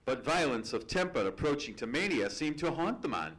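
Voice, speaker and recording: A man's voice: mid-range voice, very animated, fairly bright tone, slightly rough. A man playing a courteous, earnest Victorian doctor who tells events formally and dramatically in an old-time radio mystery. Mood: grave recounting. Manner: formal, measured, dramatic storytelling. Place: theatre stage, live radio play performance.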